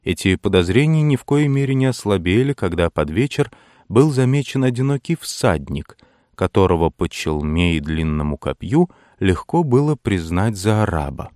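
Low-voiced male audiobook narrator. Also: big pitch swings, a little mellow, no echo, clean studio sound. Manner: measured, unhurried storytelling. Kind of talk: scripted literary narration.

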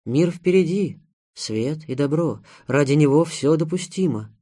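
A man reading an audiobook, voicing a fanatical woman who preaches that good needs evil, in an intense manner that rises to loud declarations. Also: on the high side, expressive, measured pace. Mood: fervent preaching.

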